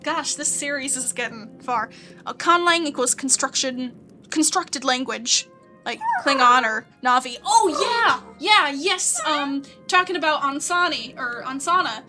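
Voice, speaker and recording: A woman's voice: high voice, animated, a little slow, music in the background. A young woman streamer chatting casually as she plays a game, reading chat and giggling often. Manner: chatty and giggly, coos at pets. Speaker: gaming streamer.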